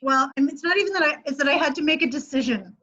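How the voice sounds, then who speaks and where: A woman's voice: high-pitched, expressive, quick pace, bright, forceful tone. A woman chatting casually over a video call. She makes wry, darkly joking remarks, and her voice comes through a dull, lo-fi internet line. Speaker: guest on a chat show. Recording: muffled lo-fi internet call audio.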